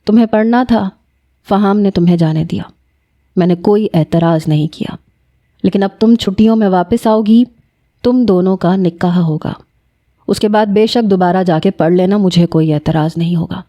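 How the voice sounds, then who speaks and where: A woman's voice: medium pitch, dark tone, lightly acted. A woman reading as a stern old grandfather. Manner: slow, curt, threatening.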